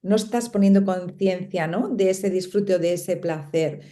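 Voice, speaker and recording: A woman's voice: lowish voice, normal speed, warm tone. A middle-aged woman with a Spain Spanish accent, talking reflectively as a guest in a casual panel conversation, often tagging her points with a questioning "no?". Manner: reflective, lots of tag questions and small laughs.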